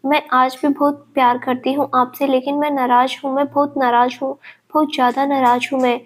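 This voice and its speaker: A woman reading as a tearful young woman, high and level. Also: flat delivery, brisk. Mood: tearful pleading. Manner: pleading and reproachful. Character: young woman, drunk, tearful, hurt and stubborn.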